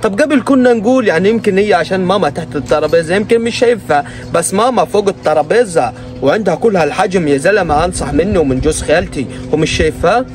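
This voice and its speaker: A man's voice: high voice, animated, rapid-fire, faint music behind. A man hosting a reaction video, ranting in mock outrage and exasperation. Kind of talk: comic reaction commentary.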